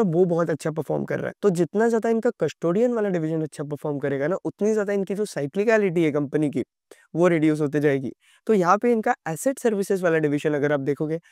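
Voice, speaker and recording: Young male finance explainer, rapid and casual, a bit hoarse today, close dry sound. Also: on the high side, a little mellow, no echo. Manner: conversational, addresses viewer directly. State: sore throat. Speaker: stock market educator.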